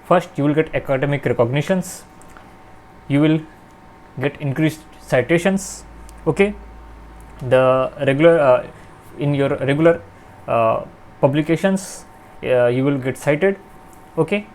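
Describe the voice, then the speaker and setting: Young male tutor, slightly higher voice, filler-heavy step-by-step delivery. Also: measured pace, pauses often, darkish tone, slight background noise. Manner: frequent "okay" and "uh" fillers, explains step by step. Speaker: channel host teaching research writing. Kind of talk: explanatory lesson.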